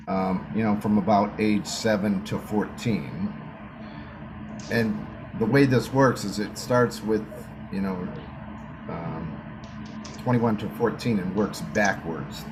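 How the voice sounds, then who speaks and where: A man with a lowish voice explains a chart in a slow, measured way. He speaks very unhurriedly, pausing between phrases. There is a clear hiss of background noise. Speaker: gene keys reader. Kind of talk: explanatory reading session.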